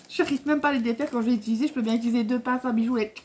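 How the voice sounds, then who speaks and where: Chatty rambling woman, slightly high voice. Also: rapid-fire, darkish tone. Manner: rambling and chatty, with many fillers and restarts; laughs often while talking. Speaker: scrapbooking vlogger showing a craft haul. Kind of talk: casual chat to camera.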